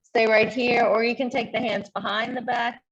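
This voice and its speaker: A woman leading a yoga class, calmly and encouragingly cueing each pose and stretch. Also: a little high, normal speed, breathy edge, highs cut off. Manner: calm, encouraging cueing of poses. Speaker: yoga instructor. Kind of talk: guided yoga class instruction.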